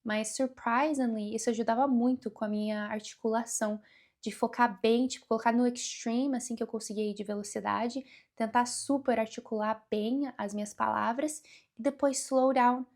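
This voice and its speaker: A young woman giving a casual English lesson, speaking slowly and deliberately and mixing English words into her speech. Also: a little high, fairly even intonation, a little mellow. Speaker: English teacher.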